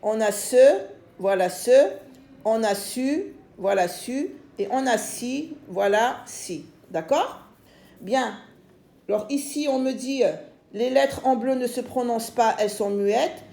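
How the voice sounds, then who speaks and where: Slow, patient French woman teaching phonics. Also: on the high side, expressive, mellow, echoey room. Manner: slow, patient, repeats words and syllables. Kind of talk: phonics lesson for young children.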